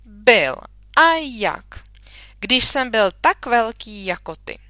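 Woman voicing a kindly storybook father, joking and brisk, bright-toned, dry close sound. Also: mid-range voice, animated, no echo. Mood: soothing. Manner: brisk and teasing, loud. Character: caring father of a sick girl, kind and joking.

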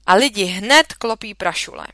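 A woman's voice: medium pitch, lively intonation, sharp tone, no echo, clean studio sound. A woman reading aloud, voicing a blunt schoolboy with greasy hands. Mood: offhand.

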